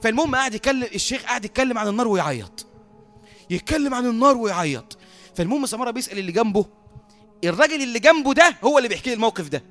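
Fast-talking Egyptian preacher, high voice. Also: male voice, soft background music. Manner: lively storyteller who often laughs at his own tale. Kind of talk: storytelling sermon.

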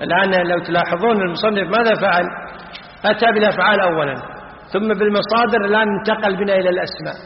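A man's voice: high voice, racing, a little hiss or hum. A man teaching a classical grammar lesson. He explains in short phrases, corrects pronunciation and repeats the words. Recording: echoey lo-fi hall recording.

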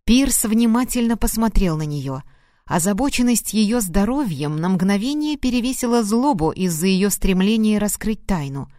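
A woman narrating a novel in a measured storytelling manner. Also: mid-range voice, lively intonation, dark tone, dry recording, clean studio sound. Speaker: audiobook narrator. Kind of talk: scripted narration.

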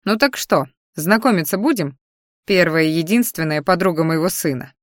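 A woman's voice: fairly low pitch, lively intonation, moderate pace, no room sound, clean studio sound, lightly acted. A woman voicing a courteous, good-natured middle-aged father with a sly, teasing manner in a story. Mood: genial.

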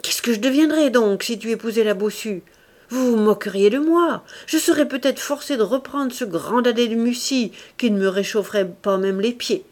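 A woman's voice: a little high, normal speed, a little mellow, pitched above the performer's own voice, close to an everyday voice. A woman voicing a fierce, domineering young woman in an audiobook of a classic novel, speaking in an imperious, threatening way. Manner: imperious and threatening, raises her voice. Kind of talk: audiobook character reading.

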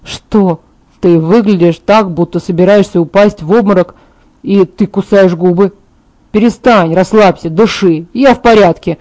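A woman reading the lines of a blunt, teasing teenage boy in an audiobook, speaking slower and a bit lower with hesitant questions. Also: a little mellow, close to an everyday voice. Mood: calm.

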